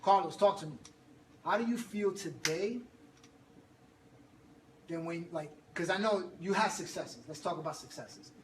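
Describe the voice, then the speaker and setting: A man with a high-pitched voice coaches a fitness group, hyping everyone up with energy and laughing often. He speaks at a measured pace and pauses frequently during this motivational talk. The recording is roomy, noisy, and picked up from far away.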